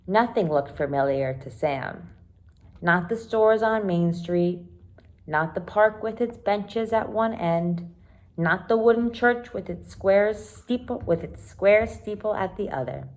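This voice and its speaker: Taking it slowly in a mid-range voice with a darkish tone, a woman performs a teacherly, expressive reading of a children's chapter book. She adds short explanations aimed at young listeners.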